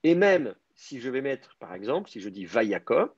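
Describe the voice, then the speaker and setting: A man leads an online grammar lesson, his pitch moving a lot as he works through each point out loud. The voice is a bit husky and comes across dry, as if over a computer microphone. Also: big pitch swings, normal speed, dry recording, muffled recording. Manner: explains step by step, thinking aloud with many "euh". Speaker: teacher. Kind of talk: online Hebrew grammar class.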